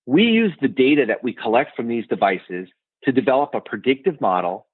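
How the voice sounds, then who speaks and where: A company founder giving a confident, rehearsed business pitch over a remote line. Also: male voice, sing-song, a little fast, slightly rough, no room sound. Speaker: company founder in sponsor segment. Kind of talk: scripted sponsor pitch. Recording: dry, phone-like remote line.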